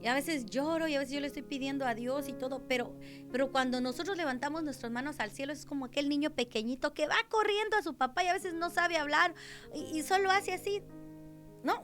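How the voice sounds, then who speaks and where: Preaching on the radio, this Mexican pastor uses her Mexican Spanish accent with real emphasis, shifting from near-whispers to loud cries. She sits high in pitch and talks briskly over soft background music.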